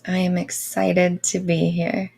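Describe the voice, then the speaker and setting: Woman, Reiki guide, airy and breathy, soothing, slow pace, vocal fry, guided meditation. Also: lowish voice, level tone, mellow. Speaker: online manifestation coach and Reiki guide.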